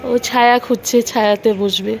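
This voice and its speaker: High-voiced woman vlogging outdoors. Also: fairly even intonation, moderate pace, vocal fry, slight background noise. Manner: coaxing baby talk to a dog. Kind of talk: casual vlog narration. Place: outdoors on a college campus.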